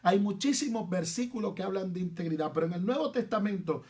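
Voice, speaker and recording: A man with a Dominican accent preaches a sermon in a notably high voice. He stresses his points by repeating phrases and drawing words out slowly. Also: darkish tone. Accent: Dominican Spanish. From Dominican Republic. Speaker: pastor.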